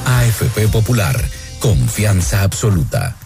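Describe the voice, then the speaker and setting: A man's voice: on the low side, very animated, unhurried, gravelly, loud music behind the voice. A man reading a scripted ad voice-over in a polished, reassuring manner. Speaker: ad announcer.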